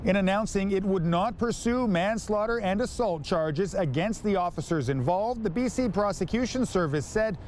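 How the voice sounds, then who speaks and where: A man's voice: high-pitched, animated, moderate pace, hardly any pauses, darkish tone, a little hiss or hum. A man with a Canadian accent narrating a scripted television news report as a reporter.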